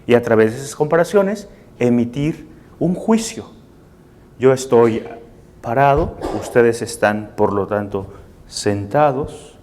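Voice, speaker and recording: A man's voice: medium pitch, expressive, slow pace, a little mellow, a little hiss or hum. A man giving a live lecture to a seated class, explaining step by step and checking for agreement with short questions. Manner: explanatory, seeks assent with tag questions. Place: room with a seated audience.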